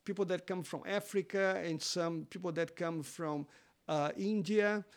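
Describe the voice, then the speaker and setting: Speaking English as a second language, this man, a seminary teacher, is interviewed as a podcast guest. His high-pitched voice keeps a fairly even intonation while he halts, restarts, and leans on many fillers.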